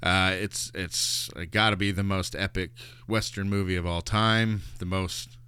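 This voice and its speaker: A man's voice: low-pitched, level tone, unhurried, pushed and bright, clean tone, no echo. A young adult man hosting a podcast, chatting easily with his father about a film. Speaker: podcast host. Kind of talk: casual chat.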